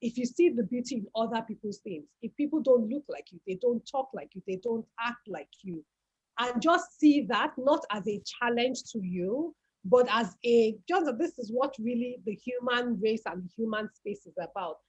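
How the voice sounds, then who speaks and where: Speaking as a guest on an online talk, this Nigerian-accented woman reflects on her family's history, frequently repeating words as she gropes for the right ones. She has a fairly high, husky voice with lively intonation at a moderate pace, captured in dull lo-fi call audio.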